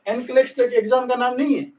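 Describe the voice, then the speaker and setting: A man's voice: very high voice, fairly even intonation, quick pace, recorded from a distance, muffled recording. A man teaching a live online class for nursing exams, speaking bluntly and scolding his students. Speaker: nursing exam coaching teacher. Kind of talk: live-stream lecture, candid rant.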